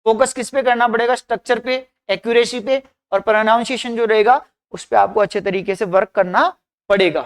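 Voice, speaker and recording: A man teaching an exam-prep class. He reads English points slowly, then explains each one in Hindi, often adding "bhai" and reminders to keep things in mind. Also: high voice, fairly even intonation. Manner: repeats "dhyan rakhiyega" and "bhai" often. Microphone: screen recording.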